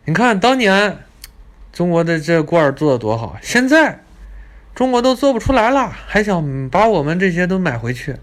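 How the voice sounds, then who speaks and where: A haughty older British tour guide who boasts and talks down to his listeners, acted out by a man. His voice rides noticeably higher than the storyteller's own. He brags in a condescending, showy way. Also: big pitch swings, normal speed. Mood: boastful.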